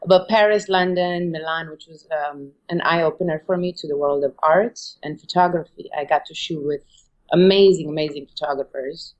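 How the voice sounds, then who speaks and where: A woman in her forties, originally from Romania, speaking as a guest in a podcast interview, relaxed and laughing often between her thoughts. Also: deep voice, moderate pace, highs cut off. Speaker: guest photographer.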